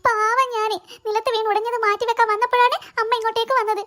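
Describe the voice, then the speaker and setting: A woman's voice: extremely high pitch, flat delivery, quick pace, fairly bright tone. A woman voicing a tearful, pleading little girl, the younger sister in a cartoon. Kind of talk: cartoon voice acting.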